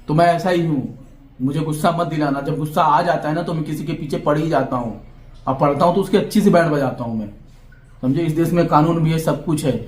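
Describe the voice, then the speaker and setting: A man's voice: fairly high pitch, reverberant. A young man from Bihar, vlogging to camera in a heated, defiant monologue that lectures and keeps checking that his listeners understand. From Bihar, India.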